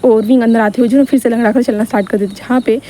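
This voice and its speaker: A woman's voice: fairly high pitch, fairly even intonation, very fast, dark tone. A woman narrating a fan-fiction story in a chatty, filler-laden retelling.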